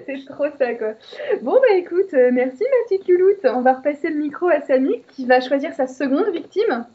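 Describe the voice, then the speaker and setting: A woman's voice: sits high, lively intonation, moderate pace. A woman co-hosting an amateur online radio show, teasing her guests and laughing often. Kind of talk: casual chat. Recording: dull lo-fi online audio.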